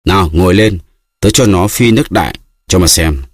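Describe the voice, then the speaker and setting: A man voicing a drunken, brutal peasant who shouts and brags loudly, in an audiobook reading. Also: low voice, normal speed, no room sound, clean studio sound. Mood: boastful. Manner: shouting, blustering.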